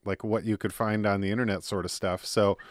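A man's voice: on the low side, level tone, brisk, no echo, clean studio sound. A man hosting a podcast interview, talking casually with lots of fillers, restarts and laughs. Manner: chatty, laughs often, many fillers and restarts. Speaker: podcast host.

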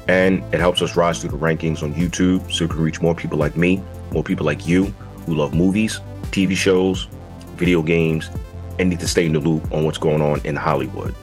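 A man with a croaky, froggy morning voice hosting a casual, slangy video podcast, talking straight to his listeners. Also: very deep voice, fairly even intonation, normal speed. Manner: informal, slangy, addresses listeners directly. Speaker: podcast host. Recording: music behind the voice. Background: music.

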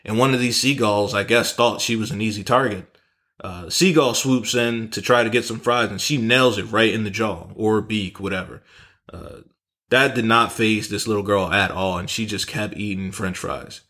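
A man hosting a podcast, telling a comic story in an animated, profane way and often correcting himself. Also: fairly low pitch, normal speed. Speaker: podcast host. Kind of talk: comedic storytelling monologue.

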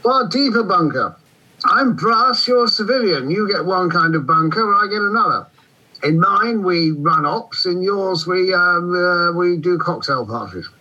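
A man playing a pompous, breezy British army general with a husky voice over a radio link in a comedy. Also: high-pitched, lively intonation, unhurried, pushed and bright, heavily acted. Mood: brisk, superior. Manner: pompous, breezy, clipped, condescending. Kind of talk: comedy radio character acting. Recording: dull radio-like line.

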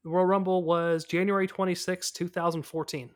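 A man, co-hosting a casual podcast chat, excitable and quick to laugh while sharing fun facts. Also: high voice. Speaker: podcast co-host.

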